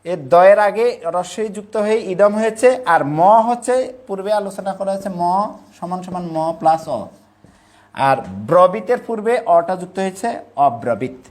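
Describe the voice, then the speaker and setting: High-voiced man teaching verse chanting. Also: animated, darkish tone. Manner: slow, careful chanting of verses; breaks words into syllables. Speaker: Sanskrit recitation teacher. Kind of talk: recitation lesson.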